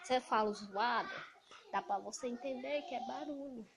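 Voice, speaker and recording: A woman from Ceará with a Cearense Brazilian accent, talking loudly and emphatically in an indignant casual monologue to camera. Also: a little high, moderate pace, creaky. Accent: Cearense Brazilian Portuguese. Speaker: evangelical vlogger. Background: noisy children.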